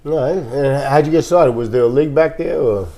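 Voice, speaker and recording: A man's voice: a little high, brisk, mellow. A man who coaches boxing and hosts a podcast, interviewing a guest with brief, encouraging replies.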